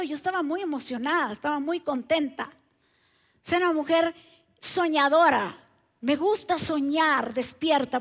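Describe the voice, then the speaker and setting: A woman pastor preaching in a church, emphatic and asking the congregation many direct questions. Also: high voice. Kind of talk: sermon. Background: soft keyboard music.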